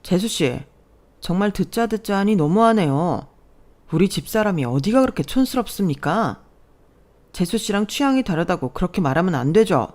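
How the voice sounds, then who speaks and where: A woman's voice: lowish voice, expressive, normal speed, a little mellow, natural voice. A woman voicing an adult husband who defends his wife in a polite but firm way. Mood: indignant.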